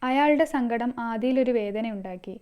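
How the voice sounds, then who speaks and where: A woman's voice: on the high side, normal speed, darkish tone, clean tone. A woman narrating a scripted story, reading all the characters herself. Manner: reads all characters herself, mostly in her own voice.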